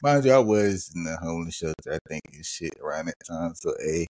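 A man's voice: low voice, lively intonation, a little fast, a little mellow. A man, hosting a podcast and telling loose, profane, rambling stories. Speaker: podcast host. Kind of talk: casual storytelling.

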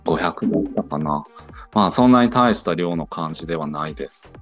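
A man's voice: low-pitched, expressive, brisk, soft background music. A man who teaches Japanese in the United States, patiently explaining things in a casual online audio chat.

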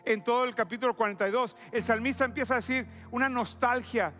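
A man preaching a sermon as pastor, emphatic and repetitive, drawing out key phrases slowly. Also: very high-pitched, bright, forceful tone, soft background music.

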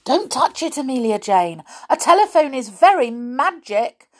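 A woman's voice: on the high side, expressive, moderate pace, pitched above the performer's own voice. A woman voicing an anxious, earnest male toy soldier who pleads and warns. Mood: anxious pleading. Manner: pleading and worried.

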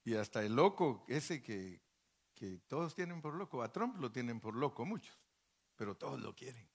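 A man's voice: mid-range voice, very animated, normal speed, slightly rough. A male pastor preaching a sermon in a folksy, joking way, full of rhetorical questions and asides to the congregation.

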